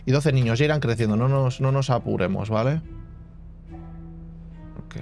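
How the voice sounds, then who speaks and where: Man, casual gameplay commentary, thinks out loud, hums sound effects, mid-pitched voice, soft music behind. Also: normal speed, vocal fry. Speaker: gaming channel host. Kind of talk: casual let's-play commentary.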